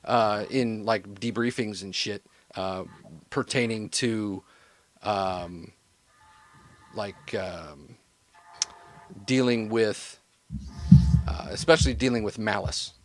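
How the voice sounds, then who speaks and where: A man's voice: fairly low pitch, takes it slowly, pauses often. A man narrating a tabletop role-playing game as game master, in a loose, casual way with plenty of fillers and swearing.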